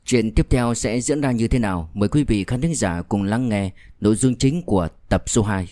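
A man reading a crime novel aloud as a storyteller, in a measured, steady way. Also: on the low side, dry recording, clean studio sound. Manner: measured, with fillers in asides. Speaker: audiobook narrator.

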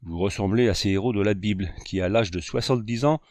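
A man's voice: on the low side, fast talker, darkish tone, no room sound, close to an everyday voice. Storybook young hunter, playful, voiced by the male narrator, dry close sound. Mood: teasing.

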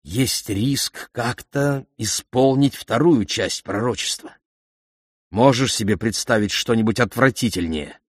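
A man's voice: mid-range voice, measured pace, slightly rough, dry recording, clean studio sound, voice pushed up. A man voicing a courteous but vain king who speaks in a regal, declamatory way.

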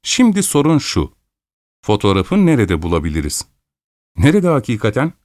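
A man's voice: medium pitch, huge pitch swings, normal speed, a little mellow, no echo, clean studio sound. Man voicing a shrewd, confident male detective. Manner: reasoning aloud, confident. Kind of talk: audiobook character voice.

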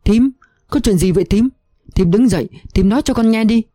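A man reading an audiobook voices a young woman guerrilla leader who asks sharp, urgent questions. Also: high-pitched, lively intonation, fairly quick, dry recording, clean studio sound, pitched above the performer's own voice. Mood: shaken.

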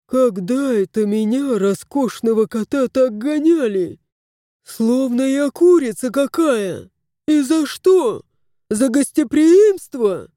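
A woman's voice: high voice, expressive, takes it slowly, mellow, no echo, clean studio sound. A woman voicing a vain, indignant male house cat who complains theatrically in a storybook reading.

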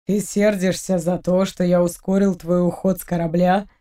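A woman voicing a calm, teasing alien man, a quiet schemer, in an audiobook. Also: fairly low pitch, normal speed, voice pushed down, lightly acted.

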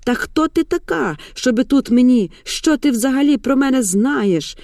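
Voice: high voice, lively intonation, very slow, dark tone, no echo, studio quality, distant mic, voice pushed up, exaggerated voice. A reader voicing a hysterical middle-aged mother in an audiobook who screeches accusations at her family. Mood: shrieking.

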